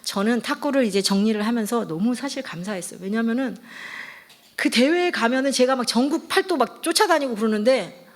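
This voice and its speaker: A middle-aged woman, a pastor's wife, preaching a sermon through a lively personal story and acting out the voices she quotes. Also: on the high side, a little fast. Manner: lively, acts out quoted voices, laughs often.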